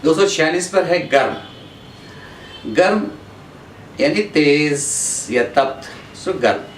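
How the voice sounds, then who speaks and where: A man from India teaching an Urdu pronunciation lesson, going through words in a measured way, repeating each one and pausing on drawn-out "uh" fillers. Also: on the high side, expressive, distant mic. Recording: echoey room, voice off-mic, faint background hum.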